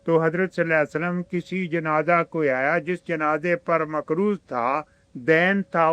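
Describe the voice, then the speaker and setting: Male preacher, Urdu-speaking Pakistani accent, high crisp voice, dry close sound, quotes Arabic verses. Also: a bit bright, no echo. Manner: rhetorical questions to the audience. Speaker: religious teacher. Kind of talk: sermon.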